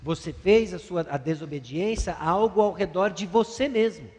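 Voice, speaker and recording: A man interpreting a sermon live into Portuguese, quick and energetic, echoing the preacher's delivery. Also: high-pitched. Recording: long hall reverb.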